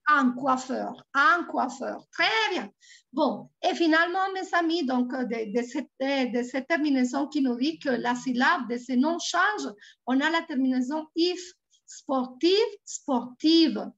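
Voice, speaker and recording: A woman with a Colombian Spanish accent, a native Spanish speaker, tutoring French over a video call. She repeats words slowly and patiently. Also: sits high, fairly bright tone. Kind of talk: online language lesson. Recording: dull lo-fi online call audio.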